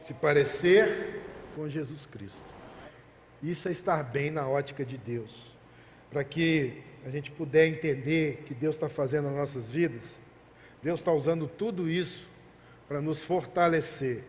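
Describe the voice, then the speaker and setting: A man's voice: on the high side, a little slow, a little hiss or hum. A male pastor preaching a sermon, telling a personal story earnestly and asking the congregation rhetorical questions. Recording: long hall reverb.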